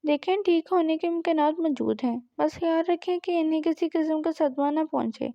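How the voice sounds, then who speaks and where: A woman voicing a calm, serious doctor who gives measured, reassuring advice. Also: high-pitched, no room sound, highs cut off.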